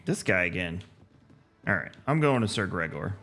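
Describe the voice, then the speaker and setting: A man's voice: sits low, sing-song, moderate pace, fairly bright tone, faint music behind. A man streaming a game, chatting casually and thinking aloud with jokes. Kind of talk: casual gameplay commentary.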